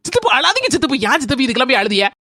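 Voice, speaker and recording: A woman's voice: sits high, big pitch swings, racing, sharp tone, dry recording, studio quality, heavily acted. A woman voicing chiding village in-laws in a cartoon comedy, with a Kanyakumari Tamil accent and mocking banter. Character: high-voiced village sister-in-law and kin, chiding.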